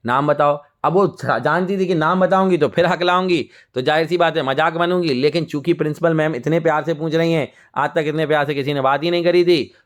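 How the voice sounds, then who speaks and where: A young adult male teacher, retelling a lesson story in a lively, conversational way and acting out the characters. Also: on the high side, fairly quick, few pauses.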